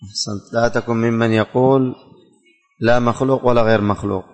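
A man teaching a religious lesson in a classroom, speaking slowly and deliberately, repeating lines for students to write down and quizzing them. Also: medium pitch, fairly even intonation, a little mellow. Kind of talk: classroom lesson dictating and explaining verses. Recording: long hall reverb, faint music.

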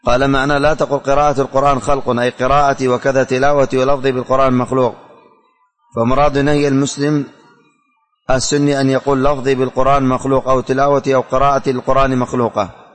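A man teaching a religious lesson in a classroom, speaking slowly and deliberately, repeating lines for students to write down and quizzing them. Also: mid-range voice, flat delivery. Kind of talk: classroom lesson dictating and explaining verses. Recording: long hall reverb, faint music.

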